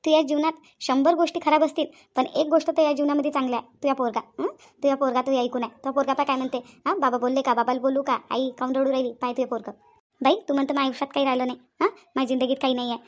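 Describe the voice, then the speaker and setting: A woman's voice: sits high, natural voice. A woman voicing a comforting adult female friend in a cartoon, soothing and reassuring, often checking with a short "hm?". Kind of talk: Marathi cartoon voice acting.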